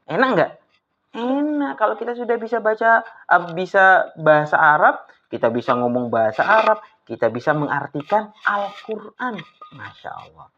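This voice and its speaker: A woman teaching an Arabic class to children, coaxing her pupils with lively questions. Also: medium pitch, moderate pace. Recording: slightly dull lo-fi with faint noise.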